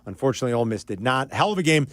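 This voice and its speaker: A man hosting sports talk radio, excitable and animated as he breaks down a game. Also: medium pitch, racing, dry recording.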